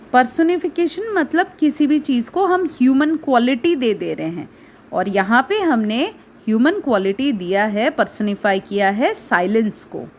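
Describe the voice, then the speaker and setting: Casting: woman teacher, high voice, slow and deliberate explanation, faint background hiss. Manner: slow and deliberate, reading English lines out carefully. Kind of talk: classroom lesson mixing Hindi and English.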